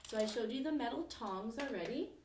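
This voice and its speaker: A woman music teacher leading a children's lesson at home, speaking gently and encouragingly and singing slow, simple verses. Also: fairly high pitch, lively intonation, a little hiss or hum. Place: home, kitchen nearby. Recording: roomy echo from a distance.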